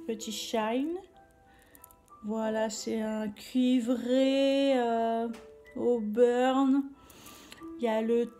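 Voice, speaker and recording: Woman, beauty vlogger, casual makeup review, high voice, hesitant, fillers. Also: mellow. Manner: chatty, hesitant, many fillers and restarts.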